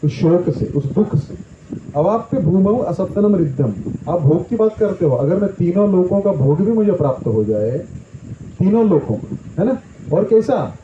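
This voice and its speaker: A man's voice: high-pitched, expressive, normal speed, a little hiss or hum. A man teaching a scripture discourse, explaining with everyday examples and often checking in with his listeners. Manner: explains with homely examples, often asks "right?". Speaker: Gita teacher. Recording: echoey room, dull lo-fi sound.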